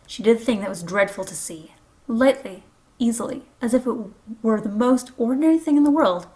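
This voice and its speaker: A woman reading a children's novel aloud, expressive and lively. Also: medium pitch, poor audio. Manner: expressive, does voices for characters. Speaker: storybook reader.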